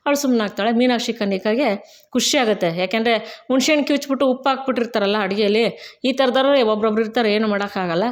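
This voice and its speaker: A woman's voice: a little high, fast talker. A woman recapping a TV serial episode in a chatty, casual storytelling way, quoting the characters and asking viewers to subscribe. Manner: chatty, retells scenes with quoted dialogue, asks viewers to subscribe.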